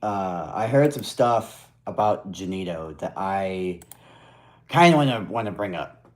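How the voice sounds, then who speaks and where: A man's voice: deep voice, unhurried, a little mellow. A man streaming from his computer at home, chatting casually in a rambling, hesitant way with blunt swearing. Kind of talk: casual live stream chat.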